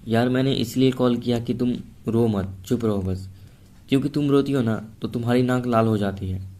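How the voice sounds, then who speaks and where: A man's voice: mid-range voice, moderate pace, natural voice. A man voicing a tender, devoted young lover. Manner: soft and coaxing.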